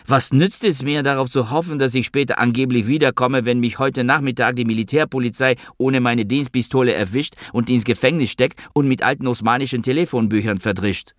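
A man's voice: medium pitch, expressive, normal speed, no echo, clean studio sound, voice pushed up, natural voice. A man doing a furious ranting Druze soldier. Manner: shouting, ranting, crude. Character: agitated, bitter male Druze soldier, volatile and aggressive. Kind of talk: audiobook character voice.

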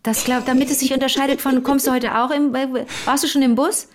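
A woman comedian chatting on the phone with a friend, quick to tease and joke. Her voice sits somewhat high. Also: flat delivery, a little hiss or hum. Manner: playful, teasing banter. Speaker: comedian and co-host. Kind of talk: casual phone chat.

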